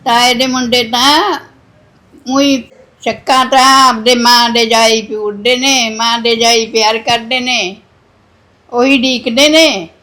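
A middle-aged woman with a Punjabi accent acting a sharp, scolding, sarcastic mother in a village drama. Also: fairly high pitch, steady tone, a little slow, pauses often.

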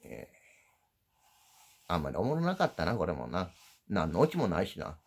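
A man's voice: wildly swooping pitch, a little slow. A middle-aged man with an Osaka dialect, rambling through a casual folksy monologue to his channel viewers, meandering and self-deprecating. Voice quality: low gravelly voice. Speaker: channel host. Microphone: handheld phone.

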